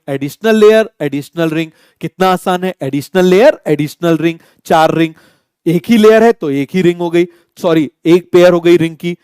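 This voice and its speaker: A young Indian man teaches biology to exam students, firing the same question again and again until the class answers. His voice sits high, smooth and clear, and it is recorded close and dry with no room around it. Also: darkish tone, no echo. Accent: Indian English. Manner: drills students with repeated call-and-answer questions. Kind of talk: online exam-coaching lecture.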